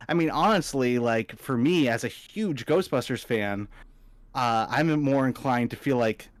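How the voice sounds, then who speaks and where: Male podcast co-host, casual fan talk, dry recording, ordinary middle pitch. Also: unhurried, no room sound. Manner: chatty, rambling fan with sudden pitch jumps. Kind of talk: casual movie podcast chat.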